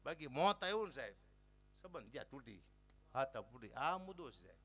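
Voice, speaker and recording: A man's voice: medium pitch, fairly quick, slightly rough. A man telling comic folk stories on stage and acting out the characters with lots of energy. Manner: animated, acts out characters. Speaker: folk storyteller.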